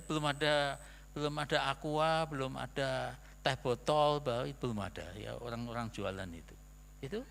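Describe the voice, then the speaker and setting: An older pastor with a Javanese accent tells a story in a chatty, rambling sermon that keeps trailing off into fillers. His voice is medium-pitched and fairly bright, echoing with the long reverb of a church hall.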